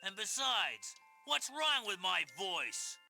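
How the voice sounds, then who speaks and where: An actor voicing a gruff, grating grouch posing as a bird grandmother in a children's storybook, sneering and argumentative. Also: mid-range voice, very animated, takes it slowly, over music, full character voice. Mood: mock-sweet grumbling.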